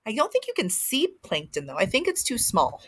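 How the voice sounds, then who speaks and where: A woman's voice: on the high side, wildly swooping pitch, brisk, breathy edge. A woman with a Southern US accent reading aloud as if to a toddler, in a sing-song teacher's manner with simple questions. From American South. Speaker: early childhood teacher and story reader. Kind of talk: reading aloud to young children with commentary. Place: outdoors by a house.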